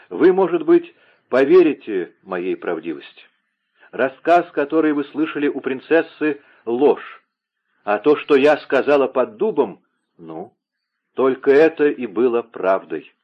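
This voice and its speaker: Мужчина изображает отчаявшуюся молодую девушку. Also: male voice, medium pitch, pitched above the performer's own voice. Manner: impassioned, pleading. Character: young woman, distraught, pleading lover. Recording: narrow phone-like lo-fi sound.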